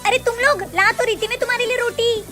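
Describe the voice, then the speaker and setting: A woman's voice: extremely high pitch, fairly even intonation, fast talker, over loud music. Playful woman acting family skits. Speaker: skit creator and narrator. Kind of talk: comic family skit.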